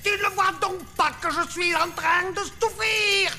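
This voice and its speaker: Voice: very high-pitched, fairly even intonation, measured pace, loud music behind the voice. An actor voicing a childish, tyrannical little male villain professor in a French cartoon dub, theatrical and demanding. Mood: whining, demanding.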